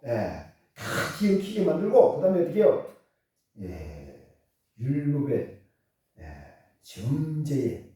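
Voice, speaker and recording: A man preaching a sermon, animated, asking rhetorical questions and laughing often. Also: fairly high pitch. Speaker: pastor. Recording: echoey hall, far from the mic.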